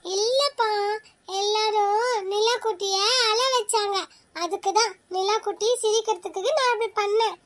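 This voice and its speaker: A woman's voice: very high voice, fairly even intonation. Chirpy bossy little girl. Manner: chirpy, indignant, quick to argue. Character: bossy older girl, protective big sister. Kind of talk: cartoon voice acting.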